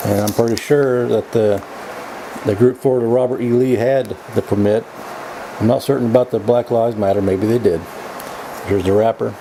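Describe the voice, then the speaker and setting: A man giving a casual, opinionated vlog monologue in a folksy, halting way, often repeating his words as he goes. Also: mid-range voice, steady tone, noisy background. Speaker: vlog host. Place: indoors.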